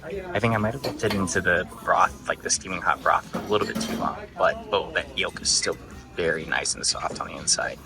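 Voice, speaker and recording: A man's voice: sits low, fairly quick, creaky, music in the background. A man hosting a food vlog, giving casual, informal and enthusiastic commentary on what he eats. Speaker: food vlogger and host.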